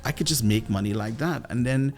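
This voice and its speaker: A man with a Trinidadian accent from Trinidad and Tobago, a guest entrepreneur and business coach telling playful, animated stories in a casual interview. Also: mid-range voice, brisk. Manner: animated, playful, with lively voiced asides.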